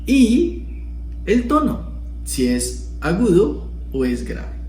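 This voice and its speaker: A man's voice: high-pitched, huge pitch swings, slow pace, mellow, roomy sound, slight background noise, poor audio. A man hosting a video lesson, explaining in a casual tone and acting out tones of voice as examples. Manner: demonstrative, acting out emotional tones of voice. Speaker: video host teaching communication. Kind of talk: casual explanatory talk to camera.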